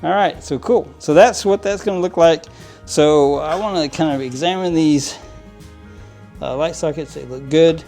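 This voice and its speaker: Gravelly and darkish, this man's voice sits on the high side and keeps a moderate pace, with faint music behind. Hosting a model train hobby channel, he narrates a casual how-to while cleaning trains at his work table, rambling with many fillers and restarts and chuckling often.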